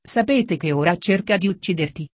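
A worried gentleman asks one plain question after another, voiced by a woman reading the story. Her voice sits low, and the recording is dry. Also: expressive, normal speed, no room sound. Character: worried gentleman, adult man, the brother.

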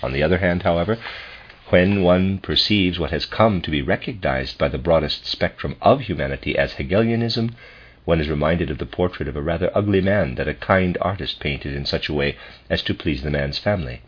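A man with a husky voice reading a scholarly philosophy lecture aloud in a formal, deliberate, professorial manner. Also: deep voice. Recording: dull lo-fi recording.

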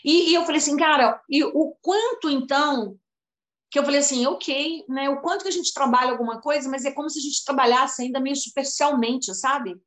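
A woman in her fifties with a slightly high voice, telling a personal story in a loose, emotional, rambling way. She keeps turning to her listener by name as she talks. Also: a little fast, fairly bright tone, roomy sound. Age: 50s. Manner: emotional, rambling, addresses the other by name often. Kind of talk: casual conversation about healing and spirituality.

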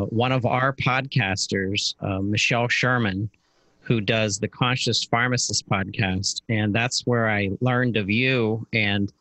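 A man with a somewhat low voice hosts a podcast interview, enthusiastic and a little rambling, with plenty of fillers. The sound is dry and close. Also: a bit bright, no room sound, poor audio. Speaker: podcast host. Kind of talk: casual interview.

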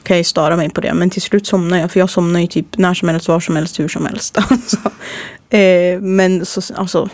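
A woman's voice: on the low side, fairly even intonation, darkish tone, no echo. A young woman from Norrland with a northern Swedish accent, co-hosting a student radio show in a laid-back way and trailing off into laughs. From Norrland, Sweden. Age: young adult. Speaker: radio co-host. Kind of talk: casual studio chat. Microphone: studio microphone.

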